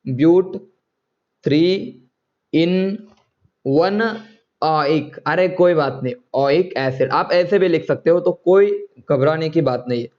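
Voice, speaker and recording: Guy doing online chem class, highish voice, muffled audio, keeps asking kids if its clear. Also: slow, a little mellow. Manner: coaxing, repeats words, checks students often. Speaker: chemistry teacher.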